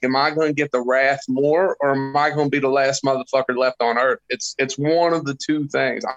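A man in his thirties, appearing as a podcast guest, tells crude, joking stories packed with swearing in a casual chat. His voice is a little high and a bit bright, and the recording is rough.

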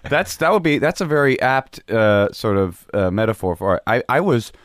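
A man's voice: mid-range voice, sing-song, moderate pace, dry recording, studio quality. Self-mocking man in his thirties. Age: 30s. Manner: self-mocking, rambling with fillers. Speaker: guest comedian. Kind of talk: casual chat. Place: garage studio.

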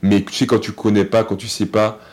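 A male athlete, appearing as a guest on a casual podcast, answers in a halting way, full of fillers and restarts. His voice is fairly low and a little mellow, with a level tone.

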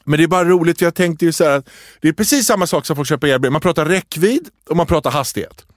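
A man co-hosting a casual podcast chat, telling stories with lively acted-out quotes. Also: a little high, no room sound, clean studio sound. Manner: lively storytelling, acts out quotes. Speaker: podcast co-host.

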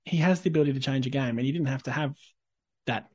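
A man's voice: mid-range voice, fast talker, husky, no room sound, studio quality. An Australian man hosting a podcast, chatting casually and informally about sport. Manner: informal, conversational. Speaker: podcast host.

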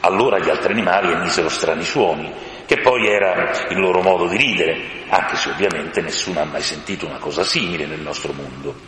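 A man narrating a storybook in an expressive, scripted way. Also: sits low, fairly quick. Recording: reverberant room with faint hiss.

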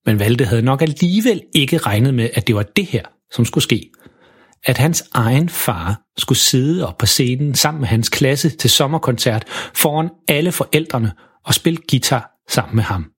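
A man narrating a children's bedtime story in a calm, even way. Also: medium pitch, breathy edge.

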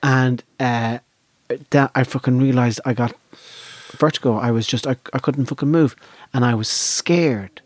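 A man with a west of Ireland accent, chatting casually and telling animated comic anecdotes with plenty of swearing. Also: medium pitch, unhurried, no echo. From County Donegal, Ireland. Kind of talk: casual chat and comic storytelling.

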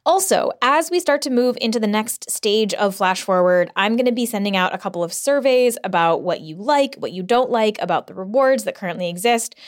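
Woman recording under a blanket fort. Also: medium pitch. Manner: chatty and rambling, with fillers. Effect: muffled, dead sound from recording under blankets. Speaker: podcast host. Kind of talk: casual podcast chat.

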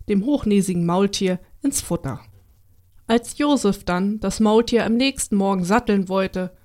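A woman reading a children's Christmas story aloud in a calm, expressive storytelling manner. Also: medium pitch.

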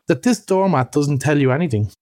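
A man reading a storybook voices an impatient, excitable male water rat who scolds and urges. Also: on the high side, brisk, no echo, lightly acted. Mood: excited. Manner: urgent, scolding. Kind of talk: audiobook reading.

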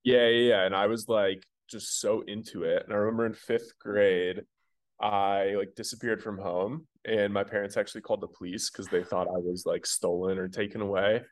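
Low-voiced founder telling stories casually. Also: male voice, steady tone, moderate pace. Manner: rambling, filler-heavy storytelling. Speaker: company founder, guest. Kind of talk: casual interview.

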